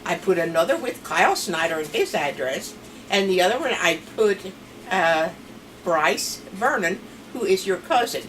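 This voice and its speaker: A grandmother in her seventies, interviewed in her home, tells family stories in a chatty, rambling fashion with a Pennsylvania Dutch accent. Her voice is medium in pitch and a bit bright; the mic is distant and background noise is clear.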